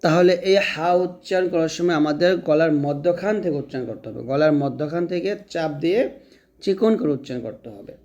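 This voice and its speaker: A patient male teacher with a slightly high voice. He talks through how each sound is made, step by step. He says every sound again, slowly and clearly. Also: a little mellow. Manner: patient, repeats each letter slowly for learners to follow. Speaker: Quran recitation teacher. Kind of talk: step-by-step pronunciation lesson.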